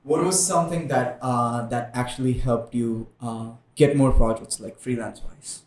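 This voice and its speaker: A man co-hosting a casual podcast with a noticeable non-native accent. He is upbeat, pauses often with fillers, and laughs easily. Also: mid-range voice, darkish tone, echoey room. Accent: non-native English accent.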